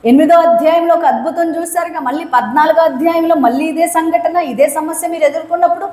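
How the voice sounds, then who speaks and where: A woman's voice: very high-pitched, quick pace, dark tone, echoey room, rough recording. A woman preacher delivering a fervent sermon, stressing and repeating her phrases.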